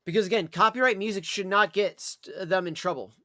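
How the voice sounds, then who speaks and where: A man live streams in casual, unscripted chat, his noticeably high voice brisk, bright and forceful. He rambles and repeats himself, cursing bluntly in casual terms. The audio is close-miked and dry with very little echo from the room.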